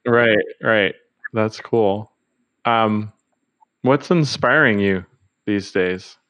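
A man hosting a casual interview, encouraging and quick with short affirmations. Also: lowish voice, fairly bright tone. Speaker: interview host. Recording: dull lo-fi audio.

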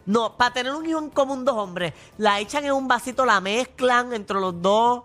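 A woman with a bright, fairly high voice tells celebrity gossip on a radio show. She is chatty and quick to laugh, and faint music plays behind her. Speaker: radio co-host with a gossip segment. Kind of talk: casual radio gossip chat.

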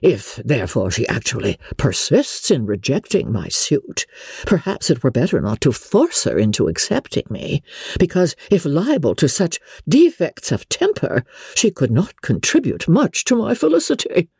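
A woman voicing a pompous, self-important gentleman suitor in a dramatic classic-novel reading, wordy and formal. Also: deep voice, huge pitch swings, moderate pace, vocal fry, husky, no room sound, studio quality, full character voice. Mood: pompously offended.

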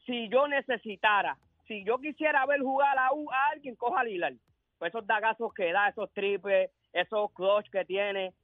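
A man's voice: high voice, moderate pace, dry recording. A Puerto Rican man calling in to a sports talk show, joking and slangy. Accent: Puerto Rican Spanish. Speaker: radio caller. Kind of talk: casual phone call. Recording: tinny phone line.

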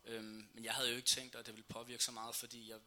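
A man guesting on a talk show as a footballer, reflective and halting as he speaks. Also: mid-range voice, flat delivery, bright, forceful tone. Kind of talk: casual talk show chat.

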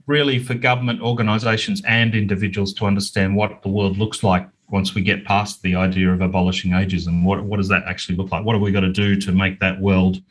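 A middle-aged or older Australian man, a business author appearing as an interview guest, answers questions earnestly in a conversational way. His deep, husky voice stays fairly flat in pitch, and he talks briskly with almost no pauses.

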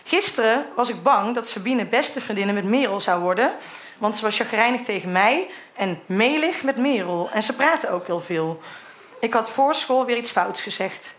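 A woman's voice: a little high, lively intonation, moderate pace, fairly bright tone. A middle-aged woman reading her old teenage diary entries aloud in a candid way, sometimes laughing at what she wrote. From Netherlands.

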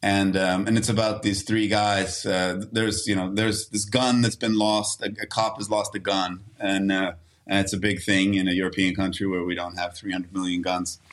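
A man's voice: sits low, level tone, moderate pace, hardly any pauses, fairly bright tone. A man from Sweden in his thirties, an actor talking casually as a guest, with many restarts and fillers. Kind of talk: casual interview talk.

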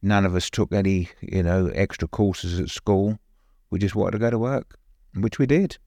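An older man with an East London accent talks in a fairly low voice. He recounts personal memories in plain, conversational words, often adding "you know", as an interview guest. The sound is very dry, with no room echo. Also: normal speed, creaky, darkish tone. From East End of London, later Suffolk.

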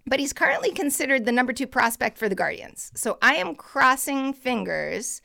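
A woman's voice: sits high, expressive, normal speed, vocal fry, sharp tone. A woman co-hosting a podcast, chatting casually about baseball in a rambling, laughing way. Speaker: podcast co-host.

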